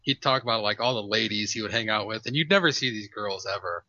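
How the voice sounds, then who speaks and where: A man's voice: fairly low pitch, fast, bright, forceful tone, dry recording, highs cut off. A man chatting casually on a podcast, telling rambling stories and laughing at them. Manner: rambling storyteller, laughs at his own stories.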